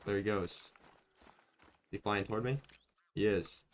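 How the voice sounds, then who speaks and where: A man's voice: fairly low pitch, measured pace, noisy background. A young man streaming a hunting game, chatting loosely with viewers, rambling and self-mocking, often saying like and dude. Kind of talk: casual live-stream chat while gaming.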